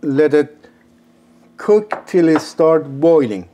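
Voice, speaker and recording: A man in his sixties with a Persian accent, explaining a home cooking recipe step by step in an unhurried way from his kitchen. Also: on the high side, warm tone, slight background noise. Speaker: cooking show host.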